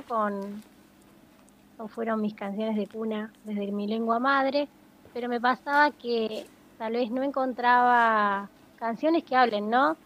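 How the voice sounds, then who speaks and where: Over a phone line with a dull, dry sound and a bit of hiss or hum, a woman singer-songwriter gives a casual interview. Her voice is slightly high, and she pauses thoughtfully as she looks for the right words.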